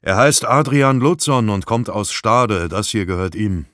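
A man doing brisk detective Rieger. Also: lowish voice, animated, a bit bright, dry recording, clean studio sound. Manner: brisk, giving orders. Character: good-natured male detective, brisk and commanding.

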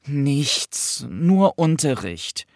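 An eager young schoolgirl with a raised, lively voice and a singsong way of listing things, as a male storyteller puts her on. She sounds chatty and curious. The sound is dry and close, with no room around it. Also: fairly high pitch, very slow, no echo, pitched above the performer's own voice, full character voice.

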